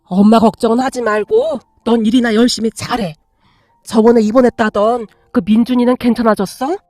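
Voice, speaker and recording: A woman voicing a gentle, sorrowful stepmother who speaks softly and soothingly. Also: fairly high pitch, animated, a little fast, no echo. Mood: reassuring. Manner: soft, soothing.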